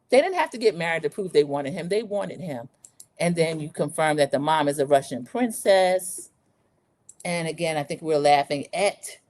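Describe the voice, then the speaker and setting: Chatty woman host with a lively voice. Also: lowish voice, no room sound. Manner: chatty, opinionated, says "y'all". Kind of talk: casual livestream recap of a reality show.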